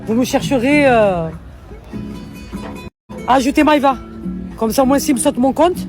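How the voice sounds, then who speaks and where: A woman's voice: high-pitched, measured pace, music in the background. A tired woman vlogging to her followers, venting in an agitated, repetitive way. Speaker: social media vlogger. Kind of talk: emotional vlog rant to followers.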